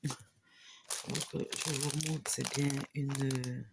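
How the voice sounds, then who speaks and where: A woman shows off a new craft kit in a casual vlog, speaking slowly and hesitantly with many pauses and restarts. She is recording away from home on a camera on a small tripod. A faint noise sits behind her voice. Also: extremely low pitch, level tone, gravelly. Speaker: hobby channel host.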